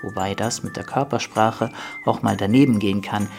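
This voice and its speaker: A man's voice: fairly low pitch, fairly even intonation, moderate pace, gravelly, a little mellow, faint music behind. A man narrating a radio feature in a wry, lightly self-mocking way.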